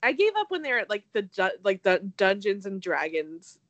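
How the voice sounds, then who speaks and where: A woman co-hosting a casual podcast, talking haltingly with stammered restarts and many fillers, with a dry, self-deprecating streak. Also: medium pitch, sing-song, no room sound, dull audio. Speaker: podcast co-host.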